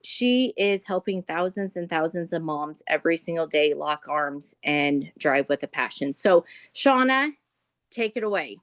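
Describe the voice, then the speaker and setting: A woman from Nebraska with a somewhat low voice hosts a video call. She introduces a guest in an enthusiastic, folksy, casual way. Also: animated, a little slow, fairly bright tone. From Nebraska, USA. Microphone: computer mic on a video call.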